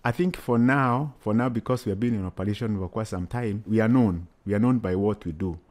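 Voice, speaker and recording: Low-voiced Kenyan-accented man, earnest and emphatic. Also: a little fast, darkish tone. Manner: earnest, emphatic, repeats phrases. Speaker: children's charity worker, interview guest. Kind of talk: interview answers.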